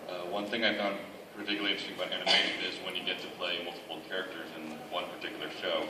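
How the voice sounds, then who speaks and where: A man's voice: sits low, flat delivery, very fast. A man from the audience asking the panel a question. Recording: very echoey hall, distant, noisy.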